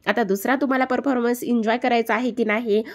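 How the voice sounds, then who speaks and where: A woman narrating a TV serial episode recap, addressing viewers directly in a lively way. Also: fairly high pitch, fast.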